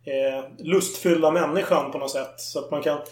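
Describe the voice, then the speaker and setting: A man's voice: a little high, fairly even intonation, darkish tone, echoey room. A man in casual chat, adding wry joking asides.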